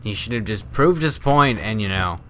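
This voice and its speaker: A young man commenting casually on a horror game as he plays, rambling and shouting during fights. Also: lowish voice, normal speed, a little hiss or hum. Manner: rambling, excitable, yells at fights. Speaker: gaming YouTuber. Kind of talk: let's play commentary.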